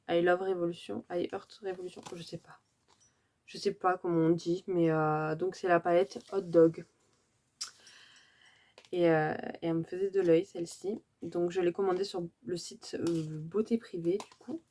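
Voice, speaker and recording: Mellow-voiced woman, hesitant. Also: lowish voice. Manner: hesitant and chatty, many fillers and self-corrections. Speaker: beauty vlogger. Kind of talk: casual unboxing vlog.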